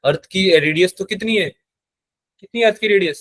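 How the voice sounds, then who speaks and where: A man's voice: high-pitched, fairly quick, fairly bright tone. A male physics teacher giving a live lecture in Hindi mixed with terms, often asking the class check questions. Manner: mixes English terms into Hindi.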